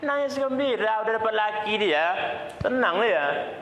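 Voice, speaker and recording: A middle-aged man preaching a sermon, telling stories with lively acted-out dialogue and frequent laughter. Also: high voice, measured pace. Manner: lively storytelling, acts out dialogue, laughs often. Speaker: Islamic preacher. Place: large mosque hall. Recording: echoey mosque hall, faint noise.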